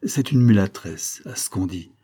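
A man's voice: low voice, animated, normal speed, dark tone, slightly rough. A man voicing a chatty older village innkeeper who confides local gossip. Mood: gossipy.

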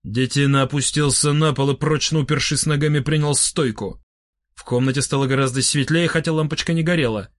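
A man narrating a first-person audiobook in an expressive, dry-humored manner. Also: on the high side, a little fast, no room sound.

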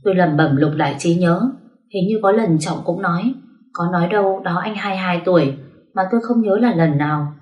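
A woman narrating a story in a steady, even reading voice. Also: lowish voice, a little fast, muffled recording. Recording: roomy echo.

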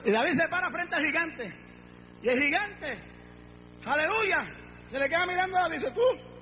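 High-pitched guy preaching hard, shouting aleluya, muffled lo-fi recording. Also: animated, moderate pace. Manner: fervent, shouting praise, dramatic storytelling. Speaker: pastor. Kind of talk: sermon. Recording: dull lo-fi recording with faint noise.

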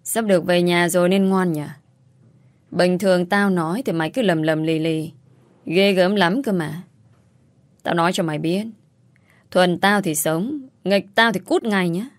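A woman's voice: fairly low pitch, measured pace, no echo, close to an everyday voice. A woman voicing a harsh, bullying sister-in-law in a told story, scolding and insulting with contempt. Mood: scornful scolding. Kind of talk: storytelling, acted dialogue.

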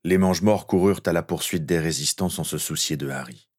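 Man, very deep voice, fan-fiction audiobook reading, steady, earnest storytelling. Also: brisk, husky.

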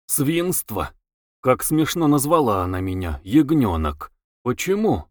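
A man's voice: mid-range voice, big pitch swings, measured pace, no echo, studio quality. A man voicing a brooding, irritable intellectual musing to himself in an audiobook. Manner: inward, musing.

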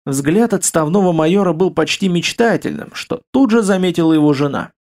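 Male audiobook narrator, somewhat high voice. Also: a little mellow.

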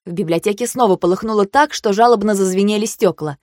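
Woman, audiobook narrator, first-person fantasy, measured, dry close sound. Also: medium pitch, darkish tone, no room sound. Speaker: audiobook reader.

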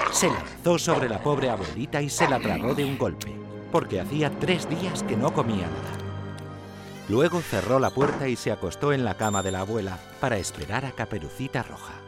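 A man narrating a fairy tale with an expressive storytelling lilt. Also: mid-range voice, a little fast, over loud music.

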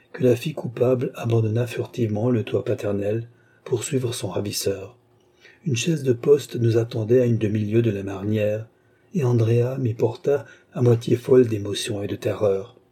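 A man's voice: medium pitch, moderate pace, warm tone, slightly rough, close to an everyday voice. A man reading a remorseful young woman. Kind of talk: audiobook reading.

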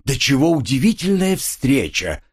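A man's voice: mid-range voice, very animated, measured pace. A man doing a gushing, fawning con man. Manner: gushing, falsely affectionate. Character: smooth, scheming young male con man.

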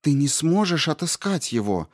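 A man voicing a frightened, impatient young princess in an audiobook, pitched higher and louder, with urgent questions. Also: moderate pace, close to an everyday voice. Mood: urgent, pleading. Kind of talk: audiobook character reading.

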